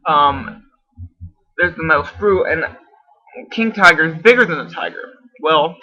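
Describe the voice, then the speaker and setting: Sharp-voiced man on dull lo-fi audio. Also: fairly high pitch, expressive, unhurried. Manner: rambling, self-correcting, unsure of details. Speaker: video responder. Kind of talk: casual explaining to camera.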